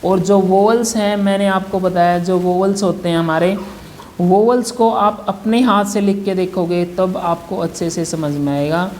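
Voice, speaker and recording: A man from India teaches a shorthand class at an unhurried, patient pace. He repeats key points and walks through one example after another. A faint hiss sits under his voice. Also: high voice, fairly even intonation, a little mellow. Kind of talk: classroom lesson.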